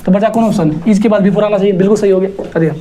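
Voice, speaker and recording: This is a male teacher, working through an exam-prep grammar lesson. He talks in a lively, teasing way and throws rhetorical questions that scold his students. He also spells words out letter by letter. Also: sits high, very fast, slight background noise.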